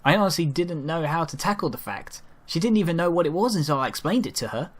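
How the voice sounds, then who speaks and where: Narrating a fan fiction story in the first person, an amateur reader sometimes stumbles over the words. He talks fast, with a voice on the high side and lively intonation.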